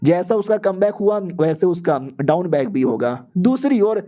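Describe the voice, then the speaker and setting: Chatty high-voiced male manga storyteller. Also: expressive, a little slow, mellow. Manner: chatty and slangy, addressing listeners as "yaar". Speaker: manga explainer narrator. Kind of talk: casual storytelling recap, voicing each character's lines.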